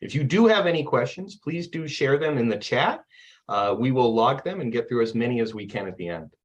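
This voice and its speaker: A man's voice: mid-range voice, expressive, fairly quick, highs cut off. A man moderating a panel, polite and organized as he hands over to speakers and sets out questions. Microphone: video call.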